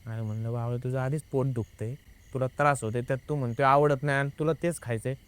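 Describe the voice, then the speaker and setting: With a medium-pitched, clear, resonant voice and a fast pace, a young guest casually recounts something that happened to him. He brings the story alive by performing the dialogue, peppering it with "I said."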